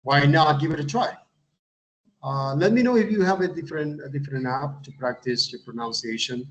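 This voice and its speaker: Halting male English teacher. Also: a little high, muffled recording. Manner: halting, repeats words, frequent uh. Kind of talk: instructional tutorial.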